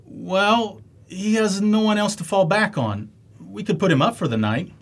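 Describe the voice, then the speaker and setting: A man acting a concerned, loyal friend and husband in a scripted dialogue, speaking clearly and expressively. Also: high voice, unhurried. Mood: gently persuading. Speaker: actor in an English lesson dialogue.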